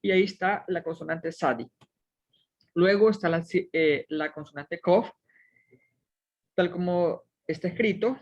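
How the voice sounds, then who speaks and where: A woman's voice: medium pitch, highs cut off. A woman teaching a Hebrew reading lesson, methodically sounding out each syllable step by step.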